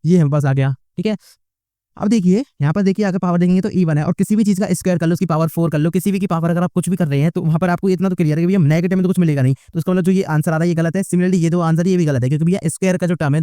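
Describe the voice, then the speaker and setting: Fast-talking man tutoring maths. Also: on the high side, mellow, clean tone, dry recording, studio quality. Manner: chatty, keeps saying "ठीक है" and "भैया". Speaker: math tutor. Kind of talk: maths lesson walkthrough.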